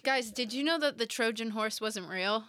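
A woman's voice: a little high, normal speed, fairly bright tone. A young woman guest in a casual chat, bubbly and giggly as she tells stories.

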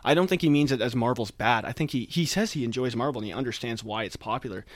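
Recorded dry and in studio quality, this podcast host speaks fast in a medium-pitched voice. He's a talkative man leading a relaxed film discussion from a cold attic.

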